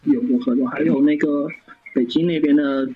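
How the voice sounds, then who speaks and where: A man's voice: fairly high pitch, fairly even intonation, slightly rough. A man who is a guest on an interview podcast, talking casually with frequent stammered restarts. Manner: halting, many stammered restarts. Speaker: guest, fan site founder. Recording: dull lo-fi sound.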